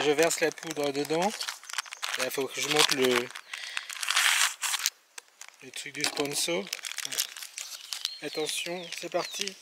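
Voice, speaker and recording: A man's voice: a little high, very noisy. A man chatting casually on a travel vlog, hesitant, with many fillers and restarts. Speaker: travel vlogger.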